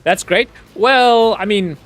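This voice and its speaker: Here a man from Zimbabwe plays a game live and talks casually with his audience, laughing often. He has a high voice with a fairly bright tone and takes things slowly. There's faint background music.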